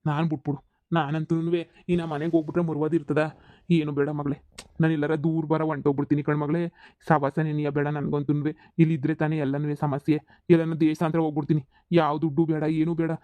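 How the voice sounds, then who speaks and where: A man's voice: fairly high pitch, level tone, a little fast, mellow, no echo, natural voice. A man voicing a rich middle-aged village father who pleads in an emotional rush. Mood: despairing.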